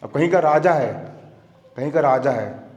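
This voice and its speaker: A man's voice: a little high, animated, unhurried, a little mellow, dull audio, slight background noise. A young man teaching a coaching class, chatty and joking, often checking in with his students. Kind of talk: classroom lecture. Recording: echoey classroom with long reverb.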